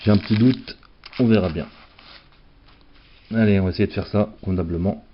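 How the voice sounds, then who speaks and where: A man's voice: fairly low pitch, brisk, slight background noise. A man giving casual, self-mocking commentary while opening packs of trading cards. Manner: chatty, self-mocking, playful. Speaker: card collector opening packs. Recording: dull lo-fi recording.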